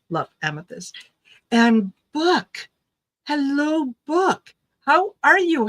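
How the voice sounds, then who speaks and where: A middle-aged woman from Croatia who grew up in Canada hosts a tarot livestream, chatting casually with viewers in a slightly high, somewhat bright voice. She's hesitant, full of ums and easy laughs, and sounds tired as she recovers from low blood sugar.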